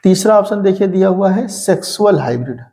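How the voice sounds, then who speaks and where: A man teaching an exam-prep lesson in a mellow, relaxed voice. His pitch sits a touch high. He keeps asking rhetorical questions and answering them himself. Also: brisk. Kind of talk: explaining a lesson.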